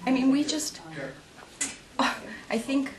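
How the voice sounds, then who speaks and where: A woman from the officer's family thanks the community in an emotional, halting way. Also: high voice, fairly even intonation, noisy background. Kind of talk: family remembrance interview.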